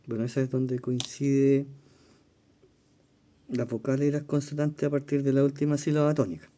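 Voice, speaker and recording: A man's voice: mid-range voice, flat delivery, moderate pace, mellow. A man with a Chilean Spanish accent walking through exam questions in a recorded lesson, explaining step by step, thinking aloud with fillers and checking in with his listeners. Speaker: teacher reviewing exam questions.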